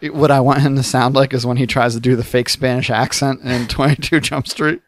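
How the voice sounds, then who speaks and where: Tired, joking male podcast co-host, mid-pitched voice, dry close recording, full of quick riffs. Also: steady tone, dry recording. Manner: jokey, quick riffs, frequent laughs. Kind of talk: casual chat.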